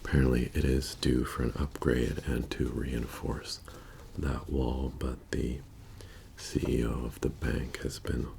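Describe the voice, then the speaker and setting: A man in an ASMR role-play as a methodical bank heist planner, speaking in a soft-spoken, halting and matter-of-fact murmur. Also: extremely low pitch, flat delivery, gravelly, a little hiss or hum, heavily acted. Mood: calm, methodical. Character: methodical male bank heist crew planner briefing his team.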